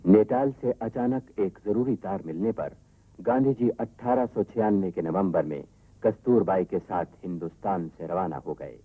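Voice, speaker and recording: A man with a very low, dark voice delivers formal, measured documentary narration. His tone is husky, and the sound comes off an old worn tape. Faint music plays underneath. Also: no room sound, rough recording. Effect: old worn tape recording.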